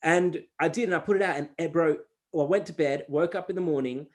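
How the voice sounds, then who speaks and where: On the high side and talking fast, the man, a Gujarati-raised hip-hop artist, animatedly recounts tales in a casual interview. He plays out quoted exchanges while his speech is peppered with fillers and restarts.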